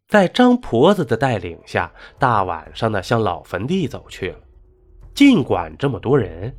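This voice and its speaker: A man narrating a folk ghost story in a dramatic, rising and falling delivery. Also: mid-range voice.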